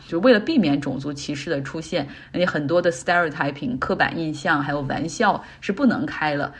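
A woman's voice: low-pitched, breathy edge. A middle-aged woman hosting a casual talk podcast, chatting and explaining English words in Chinese as she goes. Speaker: podcast host. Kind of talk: casual commentary.

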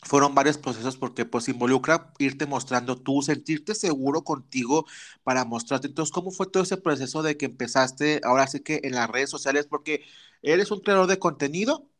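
A man's voice: medium pitch, normal speed, fairly bright tone. Campy, teasing Mexican man hosting. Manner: campy, teasing, flirtatious banter. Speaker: podcast host. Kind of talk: casual interview chat.

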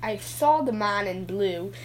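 A woman's voice: medium pitch, animated, a little slow, slight background noise, close to an everyday voice, rough recording. A woman voicing a goofy, rambling adult male dad who keeps getting sidetracked in his story.

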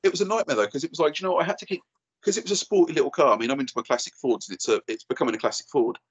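A thirty-something man with an Essex accent chats very quickly and casually. His way of talking is blokey and full of slang, as in a relaxed podcast anecdote. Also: on the high side, breathy edge. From Essex, England. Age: 30s. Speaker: podcast guest and YouTuber. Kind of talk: casual chat, telling an anecdote.

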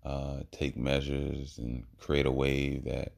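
A man giving a rambling, reflective monologue in a halting way, with trailing pauses. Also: very deep voice, flat delivery, vocal fry, noisy background.

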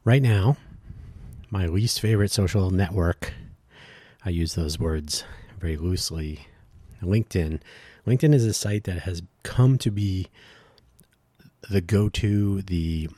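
A man's voice: low voice, a little slow, warm tone, husky, dry recording. A man hosting a solo podcast, rambling and correcting himself with wry asides, his voice dulled by allergies. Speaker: podcast host.

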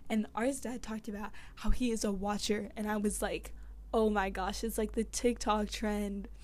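A woman's voice: on the high side, dark tone. A teenage girl chatting casually about a book she is reading, rambling and giggly, with lots of "like". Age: teens. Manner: rambling, giggly, heavy use of "like". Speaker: book vlogger.

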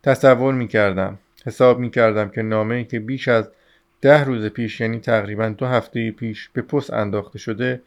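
A man voicing a stiff, pompous middle-aged suitor in an audiobook, speaking formally and haltingly. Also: mid-range voice, lightly acted.

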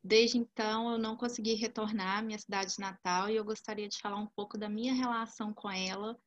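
Calm woman from Belo Horizonte, Brazil. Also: mid-range voice, dull audio. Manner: nostalgic, calm, unhurried. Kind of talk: personal storytelling on a video call. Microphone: video call.

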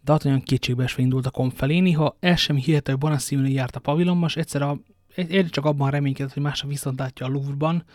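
A man reading a novel aloud in a lively storytelling manner, dropping in self-mocking asides. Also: mid-range voice, no echo, clean studio sound. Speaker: audiobook reader. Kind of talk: novel narration with joking asides.

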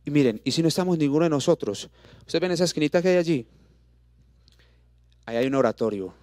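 A man with a Colombian Spanish accent preaching a sermon, throwing out rhetorical questions and dropping to soft, intimate tones for the words of scripture. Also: on the high side, animated, quick pace, no room sound, clean studio sound. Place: church auditorium. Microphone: handheld microphone.

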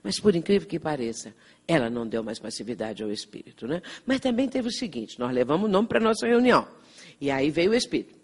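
A woman's voice: low voice, big pitch swings, fast, darkish tone, husky. A Brazilian woman giving an earnest spiritist lecture, explaining patiently and often checking in with "não é?". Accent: Brazilian Portuguese. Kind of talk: lecture with anecdotes. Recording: reverberant hall.

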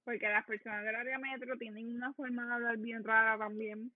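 A woman's voice: a little high, flat delivery, a little fast, no echo. Outspoken Puerto Rican woman on thin audio. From Puerto Rico. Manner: outspoken, emphatic. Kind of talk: casual chat. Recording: phone-like, thin sound.

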